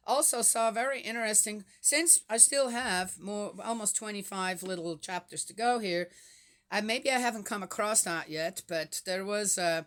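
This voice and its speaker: A woman's voice: medium pitch, normal speed, fairly bright tone. A woman in her sixties talks in a loose, rambling style, with a voice in a middling range. She keeps turning to her listeners with rhetorical questions. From Switzerland. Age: 60s. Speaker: vlogger reading the Bible. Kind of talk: casual chatty monologue.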